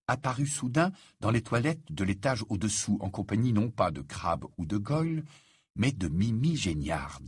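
Husky man narrating an audiobook. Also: on the low side, no echo, studio quality. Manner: expressive, dramatic reading. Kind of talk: scripted narration.

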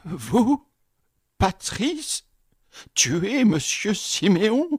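A man voicing a frightened old concierge who stammers and asks shrill, disbelieving questions, in an audiobook reading. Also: sing-song, slow pace, darkish tone, breathy edge, dry recording, studio quality, heavily acted. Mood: incredulous. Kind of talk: audiobook character voice.

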